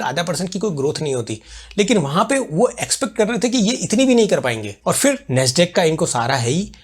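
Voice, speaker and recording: A man's voice: high voice, husky. A man hosting a weekly stock market analysis, explaining in a conversational way with everyday analogies. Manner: conversational, thinks aloud with fillers.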